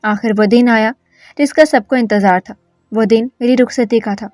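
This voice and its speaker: High-voiced woman narrating a sad story. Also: fairly even intonation, darkish tone, dry recording, studio quality, faint music behind. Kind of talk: scripted first-person story narration.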